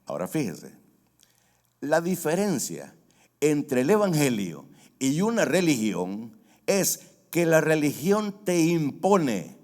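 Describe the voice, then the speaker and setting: A man's voice: fairly high pitch, very animated, takes it slowly, darkish tone. A man with a Salvadoran accent preaching a sermon, telling stories and explaining terms step by step. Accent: Salvadoran Spanish. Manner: storytelling, acts out quoted voices, explains word by word. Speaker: pastor. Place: church sanctuary. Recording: long hall reverb.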